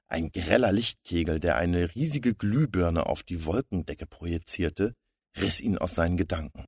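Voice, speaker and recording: A man narrating a comic story in a steady storybook reading. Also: low voice, breathy edge, no echo, clean studio sound.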